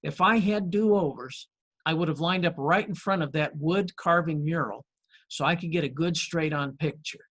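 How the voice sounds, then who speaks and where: A male pastor delivers a conversational sermon, leaning on folksy stories and light humor. His voice sits a little higher than most men's. He talks in a friendly, unhurried way with frequent pauses. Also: breathy edge. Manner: folksy storytelling with gentle humor.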